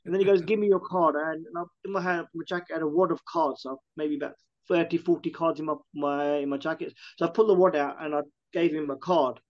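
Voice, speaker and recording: This man's voice sits on the high side and stays steady as he talks fast, with the audio sounding dull. Running a catering business, he chats in a relaxed interview, restarting often and relaying what customers said to him.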